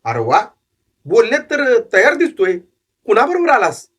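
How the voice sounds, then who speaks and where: A man's voice: very high-pitched, wildly swooping pitch, moderate pace, a bit bright, slightly rough, voice pushed up, exaggerated voice. A man voicing a shrewd, cynical old male street fortune-teller who talks bluntly and knowingly in a narrated story. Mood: questioning. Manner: blunt, scolding, worldly.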